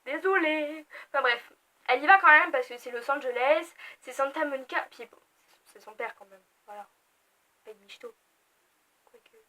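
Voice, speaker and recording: A young woman with a French accent chats through her monthly reading in a casual book vlog. Her voice sits high and bright, and she talks in a loose, animated way, full of fillers and joking asides about herself. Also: normal speed, low-quality recording. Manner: chatty, animated, self-mocking asides. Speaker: book vlogger.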